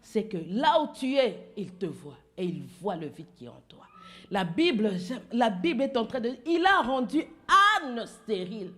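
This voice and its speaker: A woman pastor preaching a sermon in a church, telling a personal testimony, swinging between loud exclamations and hushed, whispered asides. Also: a little high, big pitch swings, measured pace, husky. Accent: French-speaking Central African.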